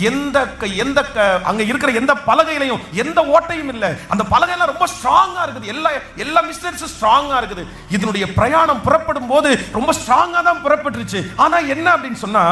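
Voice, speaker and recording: A male pastor with a Tamil accent preaches with fervor, his voice pitched very high and ringing. He stretches words and raises his voice at the peaks. The sound carries the echo of a church hall. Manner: passionate preaching, shouting and slowing for emphasis. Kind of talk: sermon.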